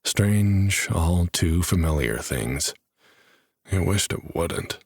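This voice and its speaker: A man narrates an audiobook in a low, slightly husky voice. His reading is dry and wry. The studio sound is close with no room echo. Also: lively intonation, slow.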